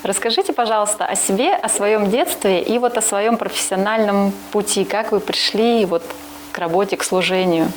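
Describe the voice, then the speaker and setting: A woman's voice: medium pitch, moderate pace, a little hiss or hum. A woman hosting an interview, asking questions and thanking guests in a courteous, formal manner. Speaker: interviewer, host.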